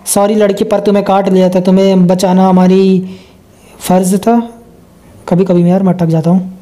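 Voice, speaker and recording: A man's voice: sits high, flat delivery, normal speed, warm tone. A young man giving casual, joking commentary over gameplay and talking to himself as he plays. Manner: chatty, joking, talks to himself.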